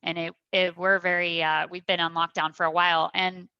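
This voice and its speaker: A woman hosting an online event over a video call, chatty and upbeat, talking in quick restarts. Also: on the low side, flat delivery, clean tone, dry recording, highs cut off. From United States. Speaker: event host. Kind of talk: casual video call chat.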